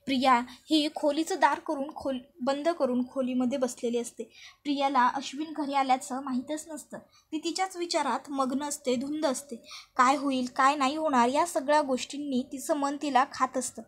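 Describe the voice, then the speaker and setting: A woman narrating a serial episode as a story in a steady, plain retelling. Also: sits high, normal speed.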